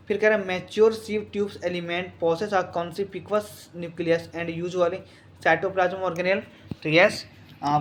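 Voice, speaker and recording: A man, tutoring biology through exam questions, brisk and repetitive, quizzing his students with rhetorical questions. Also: sits high, slight background noise. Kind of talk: exam question walkthrough lesson.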